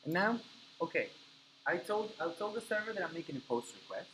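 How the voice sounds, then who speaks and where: Brisk and very animated, a man from Argentina whose first language is Spanish leads a live coding class, explaining things step by step and checking that his students follow. He has a high voice, and background noise can be heard.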